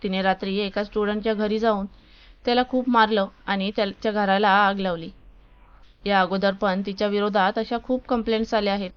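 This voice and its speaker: A woman voicing a stern male college principal in a spoken storybook, scolding and commanding with clear, smooth tones. The sound is dull and a little lo-fi. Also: mid-range voice, steady tone, fairly quick, close to an everyday voice. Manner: loud, scolding, authoritative.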